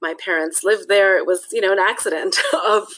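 A woman's voice: mid-range voice, brisk, a bit bright, poor audio. A woman from Nepal, a guest author talking through her thoughts in a casual interview, often restarting phrases and adding "you know.".

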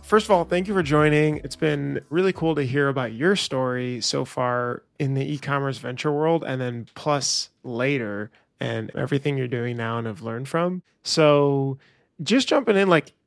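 A man hosting a podcast, introducing the show and asking curious, quick follow-up questions. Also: mid-range voice, gravelly, no echo, clean studio sound. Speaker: podcast host. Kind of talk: casual interview hosting.

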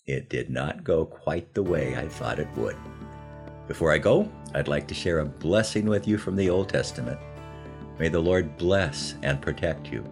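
Reading scripted personal stories in a folksy, chatty way, an American man in his seventies hosts a podcast. His voice is extremely low in pitch and slightly rough.

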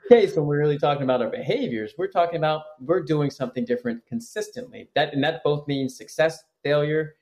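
A man's voice: fairly high pitch, fast talker, few pauses, darkish tone. A man who is a psychologist, talking earnestly as a podcast guest and often restarting his phrases. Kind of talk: conversational podcast interview.

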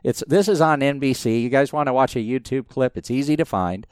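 A man in his fifties, a podcast guest telling stories in a lively, rambling way with many restarts. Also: mid-range voice, brisk, smooth, no echo, clean studio sound. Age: 50s. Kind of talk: casual storytelling interview.

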